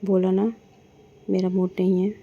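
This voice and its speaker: A woman's voice: medium pitch, completely flat delivery, normal speed, warm tone, close to an everyday voice. A woman voicing an irritated, defiant young woman who keeps refusing and protesting, in a story. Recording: dull lo-fi with faint noise.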